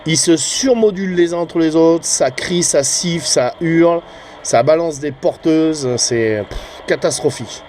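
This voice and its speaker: This CB radio hobbyist and channel host has a fairly high voice with a darkish tone and talks at a measured pace, with a bit of hiss or hum in the background. His vlog commentary is casual and meandering, hesitant, and often fades out into little tag words.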